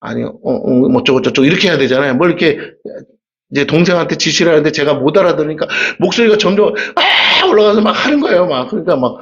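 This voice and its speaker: Male pastor, gyeongsang accent, lively sermon, fairly high voice, dull lo-fi sound. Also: quick pace. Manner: conversational, animated preaching with rhetorical questions. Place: church sanctuary.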